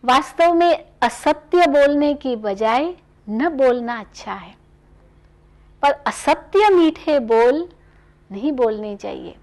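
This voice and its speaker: Woman, spiritual speaker, high voice, very unhurried, gentle and instructive. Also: expressive. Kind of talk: spiritual talk on values.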